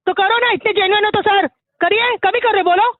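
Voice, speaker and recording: A woman's voice: very high-pitched, brisk, no room sound. A woman working as a bank recovery agent, pressing a caller with insistent questions on a phone call. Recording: tinny phone line.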